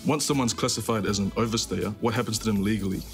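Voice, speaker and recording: A man from New Zealand working as a reporter, asking interview questions in a brisk, slangy way. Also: fairly low pitch, faint music behind. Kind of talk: casual interview.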